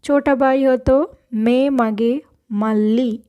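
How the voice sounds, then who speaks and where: A woman gives a spoken language lesson at a slow, careful pace. Her voice sits a little high but sounds soft and mellow. She repeats each word several times and patiently corrects pronunciation. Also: steady tone. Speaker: language teacher.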